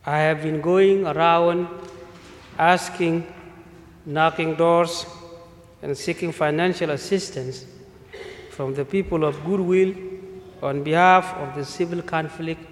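Man, priest from South Sudan, measured sermon, slightly high voice, roomy church echo. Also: fairly even intonation, a little hiss or hum. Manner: slow, measured delivery with listed phrases. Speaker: visiting priest. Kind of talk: mission appeal sermon. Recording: echoey church with long reverb.

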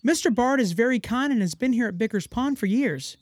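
A woman voicing a friendly young critter from a storybook pond, with a mid-pitched voice that moves lively up and down. He sounds easygoing and welcoming, in a dry close recording. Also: brisk, no echo.

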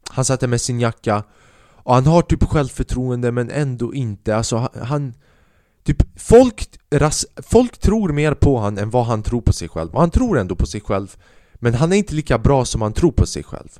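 A young man telling a self-mocking story on his podcast, animated and swearing freely, dropping in English phrases. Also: mid-range voice, dry recording, studio quality. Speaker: podcast host. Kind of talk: casual storytelling monologue.

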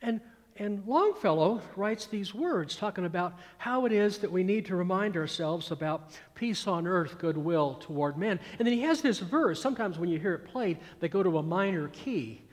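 A man's voice: sits high, expressive, normal speed, in a large hall. A man in his sixties with a Georgia accent, preaching a sermon with emphatic repetition and recited verse. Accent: Georgia Southern. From American South. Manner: emphatic, repeats phrases, recites verse with swelling volume. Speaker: pastor.

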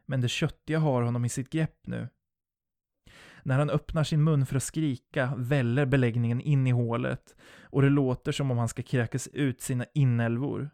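A man narrating a first-person horror story in a low, steady storytelling voice. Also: no echo, studio quality.

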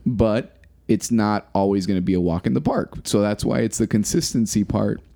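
A man's voice: lowish voice, moderate pace, vocal fry, warm tone. A middle-aged man co-hosting a casual podcast, talking earnestly and motivationally and repeating phrases for emphasis. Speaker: podcast co-host.

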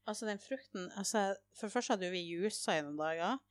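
A woman in casual chat, telling a lively personal story and quoting herself along the way. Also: medium pitch, no room sound. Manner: animated storytelling, switches to English when quoting herself.

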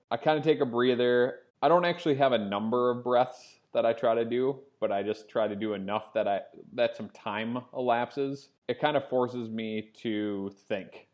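A man's voice: mid-range voice, darkish tone. A man co-hosting a casual podcast, teasing his friends and then reflecting thoughtfully. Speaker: podcast co-host.

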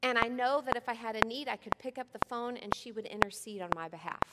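A woman's voice: fairly high pitch, quick pace. A middle-aged woman pastor preaching a sermon in a church, earnest and conversational, asking the congregation questions. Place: church sanctuary. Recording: long hall reverb, loud background noise.

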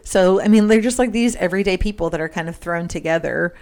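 A woman's voice: lowish voice, quick pace, a little mellow. Rambling, laughing woman co-host. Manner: rambling, filler-heavy, laughs often. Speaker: podcast co-host. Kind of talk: casual film discussion.

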